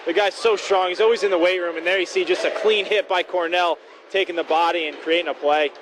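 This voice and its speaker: Male hockey color commentator, high voice, conversational analysis, noisy arena recording. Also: steady tone, fast talker. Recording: clear background rink noise.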